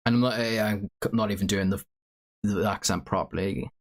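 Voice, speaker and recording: Low-voiced man with a sore throat. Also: steady tone, brisk. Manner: rambling, filler-heavy, reads viewer chat. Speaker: stream host. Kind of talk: casual livestream commentary.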